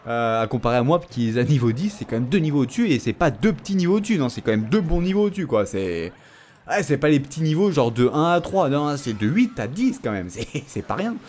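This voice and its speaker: Lively joking gamer. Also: male voice, mid-range voice, fast. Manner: joking, teasing, talks to the viewer and opponent. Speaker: gaming YouTuber. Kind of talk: casual gameplay commentary. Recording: faint background noise.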